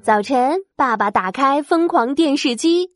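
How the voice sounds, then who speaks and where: A woman narrating a children's story in an animated, sing-song way. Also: high-pitched, a little slow, no room sound, studio quality, faint music behind.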